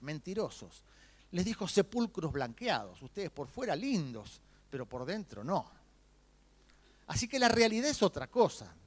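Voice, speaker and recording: Animated Rioplatense preacher man. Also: sits high. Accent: Rioplatense Spanish. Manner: animated, acts out quoted lines. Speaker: pastor. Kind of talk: sermon.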